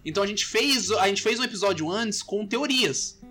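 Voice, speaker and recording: A man co-hosting a podcast, telling stories in an excitable, animated way during a casual chat. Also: high-pitched, a little hiss or hum. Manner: excitable, fast, animated storytelling. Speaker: podcast co-host.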